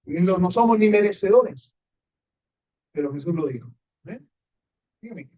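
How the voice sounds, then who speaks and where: A high-pitched man, preaching to a congregation with emphatic swings of voice. He keeps checking in with his listeners. The recording is dull and lo-fi, as if taken in a church room. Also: expressive, a little slow, mellow. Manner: emphatic, asks the audience often, rising and falling sharply. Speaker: pastor teaching a class. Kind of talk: sermon-style Bible teaching with congregation questions.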